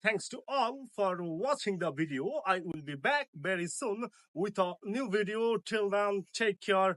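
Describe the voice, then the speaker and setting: A man with a Bengali accent teaching English pronunciation, slowly repeating each word with care. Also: high voice, lively intonation, a bit bright, no echo.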